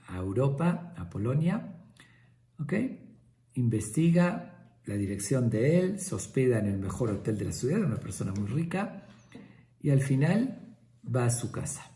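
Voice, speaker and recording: A male rabbi teaches a Talmud lesson, telling the story in a conversational way. His voice is dark and gravelly. He often pauses to check in with his listeners. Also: medium pitch.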